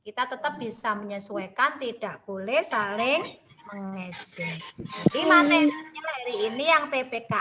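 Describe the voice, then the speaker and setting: Against a noisy background, this Javanese-accented teacher from Central Java gives young pupils an online class by video call. She sounds high and expressive, moving through the lesson slowly and patiently while checking in with tag questions.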